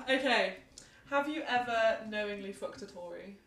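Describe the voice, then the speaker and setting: A woman's voice: medium pitch, animated, a little slow, fairly bright tone. A young woman, chatting casually as a podcast host in a slangy, giggly manner. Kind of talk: casual chat. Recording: roomy, echoing sound.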